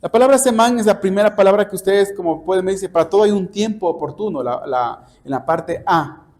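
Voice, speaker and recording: Here a Spanish-speaking preacher and Bible teacher talks fairly quickly in a high-pitched, slightly mellow voice. He teaches his expository sermon like a lesson and often stops to ask questions that test comprehension.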